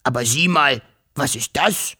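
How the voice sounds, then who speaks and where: A man's voice: mid-range voice, a little slow, sharp tone, slightly rough, exaggerated voice. A man voicing a friendly three-headed male dragon in a children's story, speaking in a hissing, matter-of-fact way. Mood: tired.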